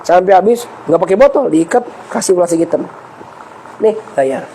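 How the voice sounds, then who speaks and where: A man with a high-pitched yet soft, mellow voice delivers a casual sermon to a congregation. He tells stories, acts out the voices in them and speaks straight to his listeners. A faint hiss of noise sits under the recording. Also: fairly quick, poor audio. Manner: storytelling, acts out quoted voices and addresses the congregation. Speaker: Islamic preacher. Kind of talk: lively conversational sermon.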